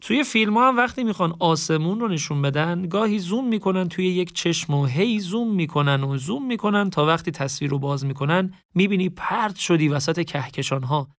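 A man reading a story aloud in a calm, reflective, casual spoken style. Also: high voice, hardly any pauses, no echo, studio quality. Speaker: narrator. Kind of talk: audiobook story narration with reflective asides.

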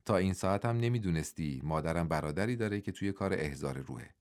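Outspoken young son, blunt and challenging, voiced by the narrator. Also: male voice, deep voice, lively intonation, darkish tone, pitched below the performer's own voice.

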